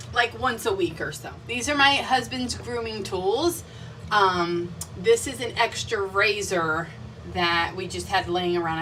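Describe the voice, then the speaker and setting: A woman's voice: mid-range voice, pushed and bright, far from the mic, a little hiss or hum, rough recording. Chatty young mom touring her bathroom. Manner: chatty, walks viewers through items. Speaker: vlogger. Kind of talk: casual clean-with-me vlog. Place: home bathroom.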